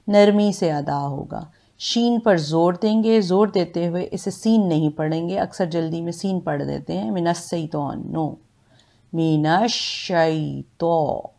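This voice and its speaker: A woman with a Pakistani Urdu accent, teaching Quran recitation and pronunciation with patient, drawn-out syllable drills. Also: on the low side, gravelly, dark tone. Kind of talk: slow step-by-step pronunciation lesson.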